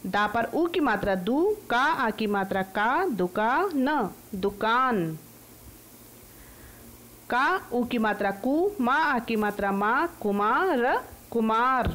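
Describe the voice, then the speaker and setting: An Indian woman teaching an online class for small children, sounding out words one syllable at a time in a slow phonics drill. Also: a little high, animated, fairly bright tone.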